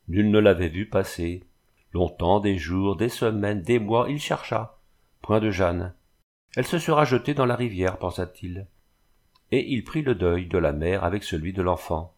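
A man reading an old tale aloud as a narrator, measured and dramatic. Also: fairly low pitch.

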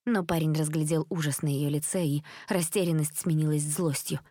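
Woman reading a storybook out loud, lower voice, dry close sound. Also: steady tone, moderate pace, no room sound. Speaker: reader. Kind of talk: storybook narration.

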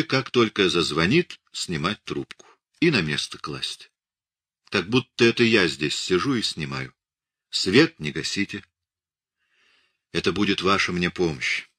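A man reading a weary hunted scientist, low and husky. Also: no room sound, clean studio sound, full character voice. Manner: quiet, resigned, measured. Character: weary hunted middle-aged male scientist.

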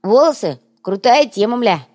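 Woman voicing a squeaky young male thug, excitable, high, loud, audiobook. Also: normal speed, natural voice. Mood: excited.

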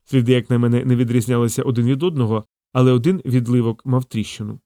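A man narrates an audiobook in a steady, even voice at a mid pitch. The recording is close-miked and very dry, with no room sound. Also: quick pace, dry recording. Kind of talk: scripted narration.

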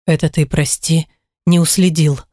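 A tough, protective husband speaks low and tender, as a woman narrator acts him out in an audiobook. His lines stay restrained and quiet. The recording is dry and close. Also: steady tone, unhurried, no echo.

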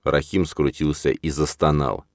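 Deep-voiced male audiobook narrator. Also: flat delivery, a little slow, gravelly, no echo, studio quality. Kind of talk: first-person audiobook narration.

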